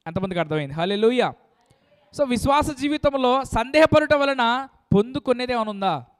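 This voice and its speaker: Male pastor, emphatic sermon, high voice, smooth clear tone. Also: animated, moderate pace. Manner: emphatic, calls for amen and hallelujah.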